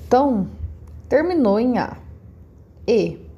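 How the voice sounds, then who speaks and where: Brazilian lady teacher, kinda gravelly voice, patient step by step explaining for kids. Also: fairly high pitch, big pitch swings, slow, dark tone, highs cut off. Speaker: schoolteacher. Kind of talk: recorded remote class.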